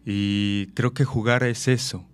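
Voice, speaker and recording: A man's voice: lowish voice, steady tone, takes it slowly, clean tone, faint music behind. A man, an actor and director, explaining his ideas thoughtfully with examples and rhetorical questions. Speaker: actor and director, interview guest. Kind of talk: reflective interview talk.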